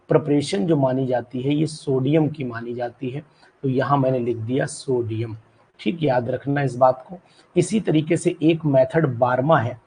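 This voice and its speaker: A male chemistry teacher with a husky, mellow voice runs a live online class. He keeps firing questions at students by name and repeats key terms so they stick. English technical words slip in among his explanations. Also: medium pitch, low-quality recording.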